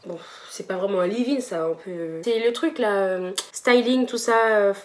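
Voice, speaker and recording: A woman's voice: medium pitch, normal speed, a little hiss or hum. A young woman YouTuber talking through her hair routine at home in a chatty, slangy, self-mocking way. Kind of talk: casual beauty vlog.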